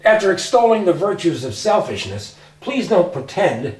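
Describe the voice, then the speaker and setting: A man's voice: sits high, sing-song, normal speed. A skeptical dying man. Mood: probing. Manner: skeptical, probing. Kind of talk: short film acting. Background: music.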